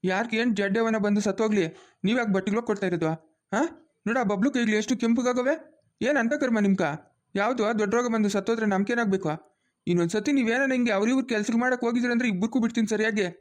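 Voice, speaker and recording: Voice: medium pitch, very fast, natural voice. A cartoon voice of a stern, protective middle-aged village father, lecturing bluntly.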